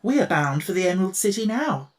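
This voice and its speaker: Woman voicing a gentle, kindly Tin Woodman. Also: mid-range voice, very animated, brisk, voice pushed up, close to an everyday voice.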